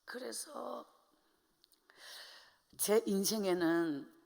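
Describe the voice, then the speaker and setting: A middle-aged woman evangelist giving a tearful testimony, swinging between loud outbursts and hushed whispers. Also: medium pitch, drawn-out words, gravelly, in a large hall. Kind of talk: emotional testimony.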